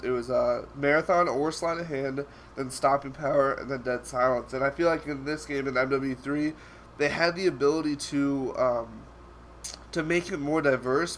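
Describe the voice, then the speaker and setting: A man's voice: medium pitch, slight background noise. A young man with a stuffy voice from a cold, talking casually over gameplay and rambling with many fillers and restarts. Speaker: gaming YouTuber.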